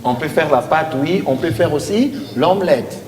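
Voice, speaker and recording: A man from Congo leading a lesson with children, coaxing them and repeating prompts loudly. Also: on the high side, animated, normal speed. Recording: echoey hall from far off.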